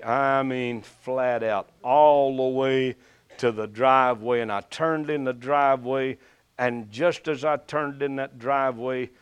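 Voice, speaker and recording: A man's voice: mid-range voice, clean tone. A man with an Appalachian accent preaching in a folksy storytelling way, drawing out words for emphasis. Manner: folksy, deliberate phrasing with drawn-out emphasis. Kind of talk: storytelling sermon.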